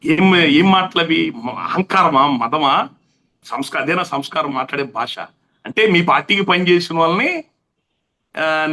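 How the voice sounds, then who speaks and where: A man with a very high, piercing voice argues his case in a heated interview. He is impassioned and emphatic and hammers home his points by repeating them. His tone is sharp and forceful. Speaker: interview guest, political activist.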